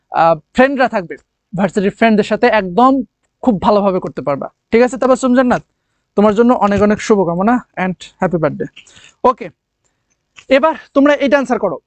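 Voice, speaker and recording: A man's voice: very high voice, no echo. A man teaches an English lesson for admission exams. He asks his students questions, answers them himself, and draws out the key words. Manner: drawn-out emphasis on key words. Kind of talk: online admission coaching lesson.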